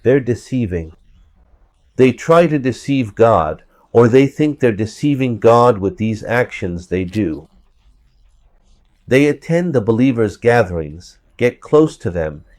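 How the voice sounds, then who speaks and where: A religious commentator works through scripture verse by verse, repeating points for emphasis. His fairly low, darkish voice is hoarse from a cold, and there's no echo.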